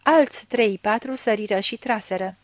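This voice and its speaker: A woman reading a literary story aloud, dramatic and raising her voice for the characters' shouts. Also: medium pitch, no room sound. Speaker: reader.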